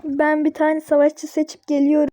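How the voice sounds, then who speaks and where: Excitable high-voiced woman gamer. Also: normal speed. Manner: excitable, yelling at teammates with sudden high shrieks. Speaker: gaming channel host. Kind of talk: casual gameplay commentary.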